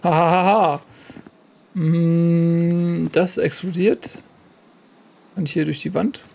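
A man's voice: on the high side, flat delivery, takes it slowly, gravelly, darkish tone, slight background noise. A man giving casual gameplay commentary as a let's play host, chatty and jokey, talking to himself and the game.

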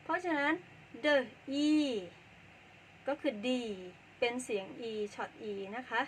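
A woman's voice: sits high, takes it slowly, a bit bright, a little hiss or hum, rough recording. A woman teaching English phonics, patiently sounding out words syllable by syllable for learners. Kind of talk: phonics lesson for Thai learners.

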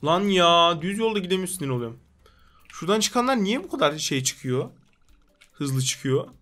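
A man's voice: high-pitched, very animated, moderate pace, a bit bright, faint music behind. A young man giving rowdy, joking gameplay commentary, scolding the game characters in a put-on comic street manner. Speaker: gaming YouTuber.

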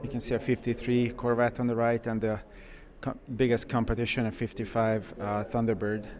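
A man who runs a car shop, walking through a car museum and giving casual, enthusiastic commentary with frequent pauses. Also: medium pitch, flat delivery, darkish tone. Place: indoor car museum halls.

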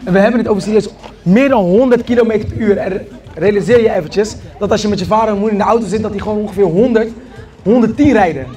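A man with a high-sitting voice and quick pace hosts an outdoor prize ceremony, announcing winners and calling names to a crowd. He's a vlogger and event host, and a loud crowd can be heard behind him.

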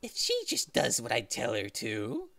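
A woman voicing a scrawny, nervous man threatening a hostage in a visual novel, speaking haltingly. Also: very deep voice, huge pitch swings, vocal fry, fairly bright tone, no echo, far from the mic, full character voice. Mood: nervous, insistent. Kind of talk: visual novel character acting.

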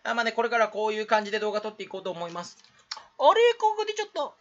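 A YouTuber rambles jokingly to camera in a casual solo vlog, putting on a fake Kansai dialect. His voice is high, a bit bright, and very fast. The lo-fi recording sounds dull.

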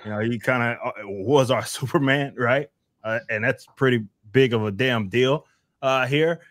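An energetic male host runs a casual live stream, swearing freely as he hypes things up. His voice sits at an everyday pitch and sounds dry and close to the mic. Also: normal speed, dry recording. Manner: hyped and profane. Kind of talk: casual chat.

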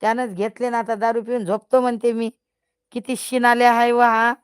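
A woman's voice: fairly high pitch, level tone, moderate pace, clear, resonant tone, dry recording, clean studio sound. An older woman hosting a casual live stream, teasing and scolding her viewers and often breaking into laughter.

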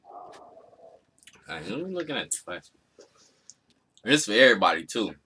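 A man's voice: fairly low pitch, very animated, moderate pace, pushed and bright, breathy edge. A man chatting casually and playfully in slang as he hosts a home vlog. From Arkansas, United States. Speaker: mukbang vlog host. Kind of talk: casual chat. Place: small indoor room at home.

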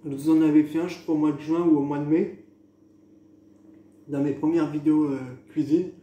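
A man rambles in a relaxed, chatty way while chewing food, his words softened by the mouthful. His voice sits a touch high but sounds very warm and dark. The room around him is echoey, with a faint hum of ambience behind. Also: moderate pace, dull audio. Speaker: food vlogger. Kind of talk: casual home tasting vlog.

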